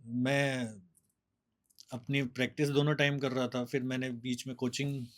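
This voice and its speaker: A man's voice: medium pitch, moderate pace. Man telling his story. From Delhi, India. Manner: steady, explanatory, mixes English words. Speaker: guest bodybuilder. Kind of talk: casual interview storytelling.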